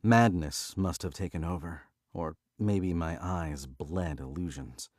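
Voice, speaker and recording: In clean, dry studio sound, a man with a low, darkish voice speaks a little slowly through allergy congestion. He's a livestream host and audiobook narrator who chats casually, laughs frequently, then reads a novel aloud and corrects misreadings.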